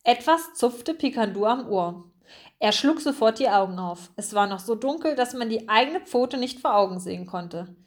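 Woman, storybook narrator, higher voice, clear and even. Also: moderate pace. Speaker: audiobook narrator. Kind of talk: storybook reading.

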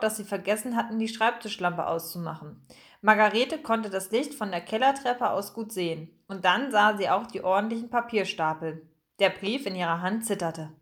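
A woman narrating a children's audiobook in a calm, even storytelling manner. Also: medium pitch.

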